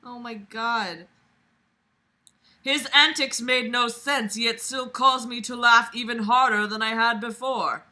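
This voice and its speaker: This young woman's voice is a little high, pushed and bright, as she reads aloud and makes offhand, sarcastic, exasperated, blunt comments. The recording comes from a small room at home, where she's lying on a bed.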